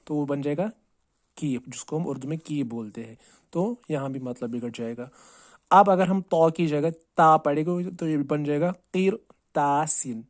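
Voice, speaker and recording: A man teaching Quran recitation. He asks and answers his own questions and repeats words slowly, drawing out each sound to show how to say it. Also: on the high side, a little mellow, no room sound. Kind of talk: tajweed lesson on letter pronunciation.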